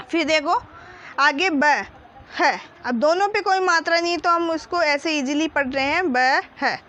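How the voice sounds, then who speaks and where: A woman's voice: sits high, fairly bright tone. A woman teaching a children's Hindi reading lesson, patiently spelling out each syllable and blending them into words.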